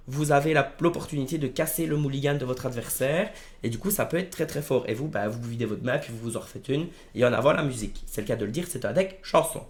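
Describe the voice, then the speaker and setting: A man with a hoarse, gravelly voice talks casually to his viewers. He sounds worn and strained in the throat, with plenty of creak, as he presents game strategy in an informal, familiar way. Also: a little high. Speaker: video creator presenting card game decks. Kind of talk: casual gaming video commentary.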